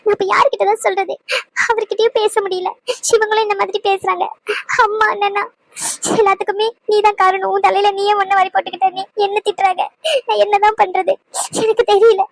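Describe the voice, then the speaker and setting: Cartoon role: a crying young wife, as a woman puts her on, high and halting. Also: little pitch movement, no room sound, low-quality recording. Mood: tearful. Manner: halting, soft and upset. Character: young married woman, hurt and tearful.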